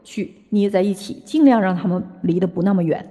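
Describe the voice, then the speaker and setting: A woman's voice: medium pitch, brisk. A woman voice teacher giving a singing lesson, explaining phrases and breaking into sung demonstrations. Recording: long hall reverb with faint music.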